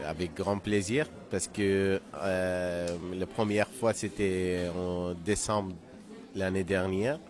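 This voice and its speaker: Man, from southern Iran, low voice, halting interview talk, crowd noise behind. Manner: slow, halting, many fillers. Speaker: percussionist.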